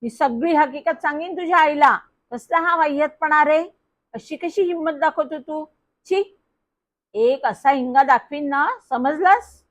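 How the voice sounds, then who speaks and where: A woman voicing a shrill, scolding middle-aged aunt who shrieks and accuses down the phone. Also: measured pace.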